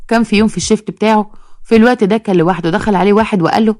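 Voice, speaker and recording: A woman with an Egyptian accent, narrating a story in a brisk, matter-of-fact way. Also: medium pitch, darkish tone, no room sound, studio quality. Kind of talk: scripted narration.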